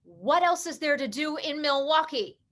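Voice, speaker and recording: A heartbroken young female sports reporter, sharp-tongued and sarcastic, as an actress reads her in a comedy play reading. Her voice sits high and bright, and she swings into emotional outbursts. It is heard over a video call. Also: animated, normal speed. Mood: upset.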